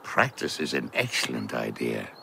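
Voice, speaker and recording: A man's voice: rumbling low, big pitch swings, moderate pace, vocal fry, slight background noise, full character voice. A man voicing a kindly, cheerful old talking stone wall who greets the animals in a cartoon. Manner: warm, cheerful, gently amused.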